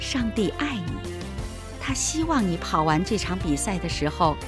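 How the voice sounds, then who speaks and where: A woman's voice: fairly low pitch, very animated, moderate pace, over music. A woman narrating a scripted children's devotional reading, addressing the children directly.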